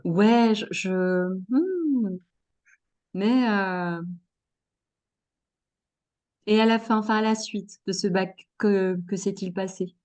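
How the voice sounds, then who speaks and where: A woman's voice: mid-range voice, slow pace, pauses often, a little mellow. A woman hosting a casual interview, asking hesitant questions and reacting with enthusiasm. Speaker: interviewer, host.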